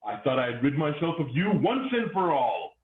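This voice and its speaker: An actor playing a vicious, wordy, mustache-twirling villain in a hammy stage melodrama. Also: male voice, fairly high pitch, very animated, moderate pace. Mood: thwarted, vengeful. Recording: echoey, tinny phone-like online call.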